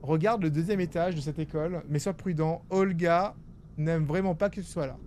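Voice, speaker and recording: A man's voice: a little high, steady tone, moderate pace, a little mellow, slight background noise. A man casually commentating a game, reading out text and talking slangily to the characters. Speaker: horror game streamer.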